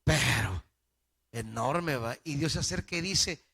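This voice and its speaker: A Salvadoran man preaching a sermon as pastor, with emphatic loud peaks and soft drops. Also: medium pitch, expressive, measured pace, gravelly, breathy edge. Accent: Salvadoran Spanish.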